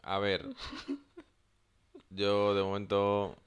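Deep-voiced man reacting. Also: completely flat delivery, extremely slow, smooth. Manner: short reactive interjections, laid-back. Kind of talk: casual chat.

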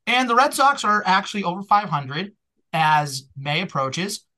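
A man with a Boston accent hosting a casual sports podcast, chatty and energetic. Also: high-pitched. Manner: energetic, chatty, quick asides. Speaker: podcast host.

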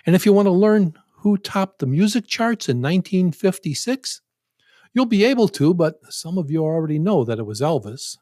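A man's voice: sits high, big pitch swings, normal speed, mellow, dry recording, studio quality. Folksy man in his seventies. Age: 70s. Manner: folksy, joking, conversational. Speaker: podcast host. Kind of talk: casual podcast introduction with jokes.

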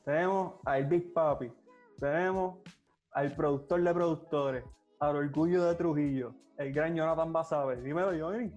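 A man's voice: on the high side, normal speed, a little mellow, muffled recording, faint music behind. A man with a Puerto Rican accent hosting a podcast with enthusiasm, presenting and moderating in an upbeat style.

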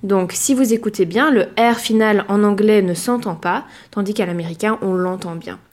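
A woman teaching a language lesson, speaking clearly and measuredly, and slowing down to model words. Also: mid-range voice, darkish tone. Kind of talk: explaining a lesson.

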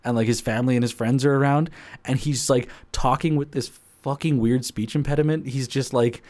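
Excitable young man swearing in chat. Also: medium pitch, a little fast. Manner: excitable, swears, restarts often. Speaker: podcast co-host. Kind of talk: casual chat.

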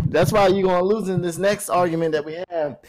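A man joins a casual chat with slangy, defiant bravado and stands his ground playfully. His voice sits fairly high for a man. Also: fairly even intonation, brisk, a little mellow, poor audio.

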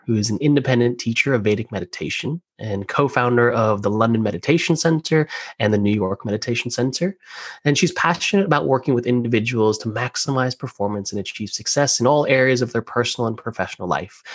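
A man's voice: mid-range voice, slightly rough, dry recording, clean studio sound. A man hosting a podcast interview, talking earnestly with many small restarts and repeated words. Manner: earnest, halting with frequent restarts. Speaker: podcast host. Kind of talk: casual interview chat.

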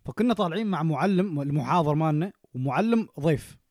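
A young man speaking in a casual podcast chat. His voice sits a little high, and he talks at a very fast, animated clip. The sound is dry and close, with almost no room echo. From Oman. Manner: animated, rapid, checks in with "okay?" often. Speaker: podcast co-host.

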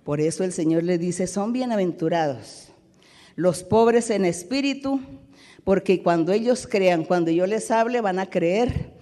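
Woman preaching slowly in a reverberant hall. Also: fairly low pitch, lively intonation, warm tone. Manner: slow, emphatic preaching with drawn-out words. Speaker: church leader teaching a Bible study. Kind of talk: sermon. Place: large church auditorium. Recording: long reverb of a large hall.

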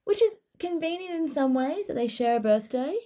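A woman's voice: high voice, lively intonation, normal speed, dark tone. A woman co-hosting a casual, joking chat. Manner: informal, joking. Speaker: podcast co-host.

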